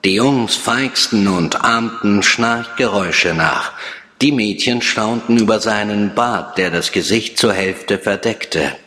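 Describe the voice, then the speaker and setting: Slow-spoken man reading literary prose. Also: fairly low pitch, pushed and bright. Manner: measured, deliberate delivery. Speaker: author reading his prose. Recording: long hall reverb.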